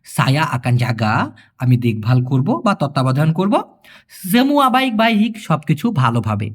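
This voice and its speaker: Lively high-voiced man teaching a language. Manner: repeats phrases slowly, then translates each word; lively, sing-song delivery. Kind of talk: spoken language lesson.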